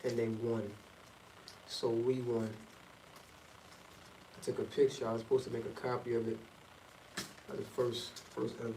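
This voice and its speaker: A man's voice: mid-range voice, little pitch movement, normal speed, pauses often, warm tone. A man chatting casually and candidly to himself in a loose, rambling, slangy way, like a vlogger. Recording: distant mic in echoey, noisy room.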